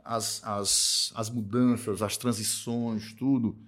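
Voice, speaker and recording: A man from Northeast Brazil who runs an accounting firm, talking in a casual podcast conversation, emphatic and repetitive, tagging his points with quick checks for agreement. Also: on the low side, fairly even intonation. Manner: emphatic, repeats himself, tag questions "tá?" and "né?".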